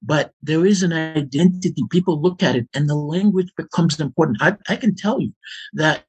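Husky, higher-pitched man explaining emphatically. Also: normal speed, darkish tone. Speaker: interview guest, commentator. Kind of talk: explanatory interview argument.

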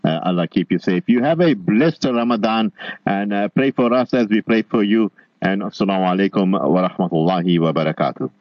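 A man's voice: sits low, fairly quick, no room sound, highs cut off. A man hosting a radio interview in a chatty, effusive way, with hesitant phrasing and Arabic religious expressions. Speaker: radio show host.

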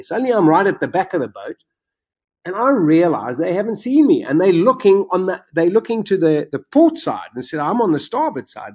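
A man telling his own survival story in conversation, animated and vivid, his voice jumping up when he relives the excitement. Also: fairly high pitch, husky. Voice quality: self-described macabre sense of humor.

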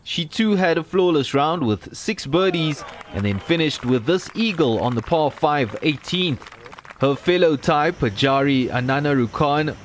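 A man reading scripted sports highlights narration as a voice-over. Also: slight background noise.

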